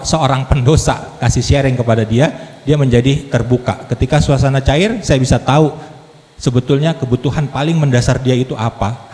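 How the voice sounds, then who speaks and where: Male lay preacher, mellow voice, animated testimony storytelling, reverberant church hall. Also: mid-range voice. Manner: lively storytelling with laughs and acted quotes. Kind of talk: testimony sermon. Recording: echoey hall with long reverb.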